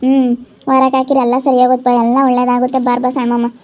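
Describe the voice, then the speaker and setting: A woman's voice: high-pitched, completely flat delivery, rapid-fire, a little hiss or hum. A woman vlogger with a rural Chitradurga Kannada accent, talking in an insistent, urging and consoling way. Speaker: vlogger host. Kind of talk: casual chat and channel sign-off. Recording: dull lo-fi recording.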